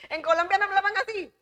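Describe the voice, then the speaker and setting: A woman's voice: very high-pitched, pushed and bright. A woman from the Republic, teaching a church Bible class in an emphatic way, repeating key phrases and asking the class questions. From Dominican Republic.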